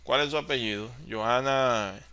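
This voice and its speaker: A man teaching an online class on office software, explaining step by step and answering his own questions. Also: mid-range voice, unhurried. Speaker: course facilitator.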